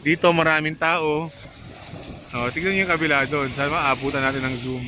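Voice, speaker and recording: Casual beach vlogger, man, chatty and warm with a baby, slightly high voice, on a handheld camera with surf noise behind. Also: fairly even intonation, fairly quick. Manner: chatty, coos and teases a baby in a lifted voice. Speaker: travel vlogger. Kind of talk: casual vlog narration. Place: beach outdoors at sunset. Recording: outdoor noise from waves and wind. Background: sea and surf noise.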